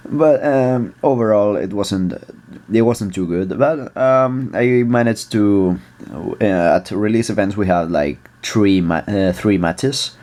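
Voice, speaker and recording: A man's voice: sits low, a little mellow. A man with a Spanish accent, rambling casually as a vlog host, with many fillers and restarts and some casual swearing. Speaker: video host.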